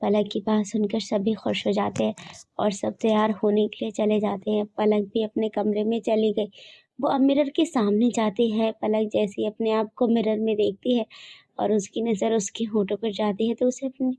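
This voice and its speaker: A woman narrating a romantic story in a steady, even reading manner. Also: medium pitch, normal speed, creaky, no echo.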